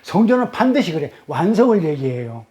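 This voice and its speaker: A man's voice: a little high, big pitch swings, a little fast, dark tone. A man leading a Bible study class, quizzing his listeners with rhetorical questions in an emphatic, repetitive teaching cadence.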